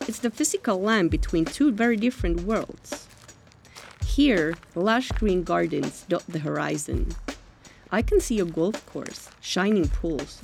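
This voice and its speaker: A woman from Finland reading a scripted documentary narration as a reporter, calm and measured. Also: on the low side.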